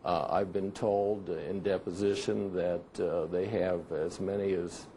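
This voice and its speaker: Mellow, measured older lawyer. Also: male voice, deep voice, fairly even intonation, slight background noise, rough recording. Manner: measured, halting, restarts often. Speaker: maritime injury lawyer. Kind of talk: remote news interview. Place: remote TV studio.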